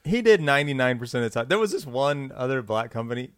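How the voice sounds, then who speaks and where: A man's voice: medium pitch, big pitch swings, fast, clean tone, no room sound. Guy telling a long story casually, rambly, dry close mic. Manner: rambling, filler-heavy storytelling.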